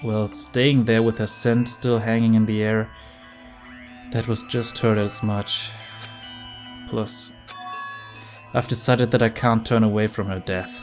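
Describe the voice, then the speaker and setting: A man's voice: lowish voice, level tone, a little slow, pauses often, close to an everyday voice. Man as a subdued, earnest teenage boy. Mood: troubled. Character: downcast, sincere teenage schoolboy narrator. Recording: game music behind.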